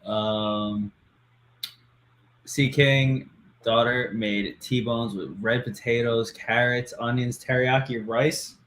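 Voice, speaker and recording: A man's voice: medium pitch, steady tone, slow pace, a bit bright. A man co-hosting a casual livestream, reading viewer comments aloud in an upbeat way and laughing often. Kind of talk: casual live-stream chat.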